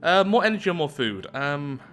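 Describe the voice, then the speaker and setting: A gaming video host with a fairly high, slightly bright voice talks briskly and very animatedly through a game playthrough. He alternates between reading the story text aloud and casual thinking-aloud asides, with the game's music playing behind him.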